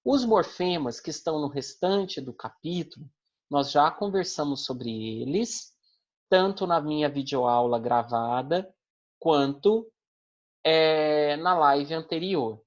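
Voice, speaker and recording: A woman's voice: sits low, lively intonation, slow, dull audio. A woman with a Brazilian accent teaching an online Portuguese language class, explaining step by step and often checking in with her students. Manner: didactic, checks in with tag questions.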